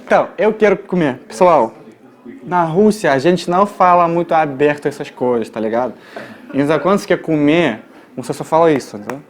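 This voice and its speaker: A man with a Russian accent, a native Russian speaker, teaching tourist phrases in a joking, casual way and repeating each word slowly. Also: on the high side. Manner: joking, slow repeated model words. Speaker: language guide.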